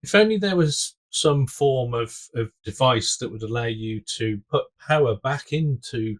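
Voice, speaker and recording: A man's voice: medium pitch, animated, measured pace. A man chatting casually as a co-host, with a dry, teasing manner. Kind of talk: casual chat.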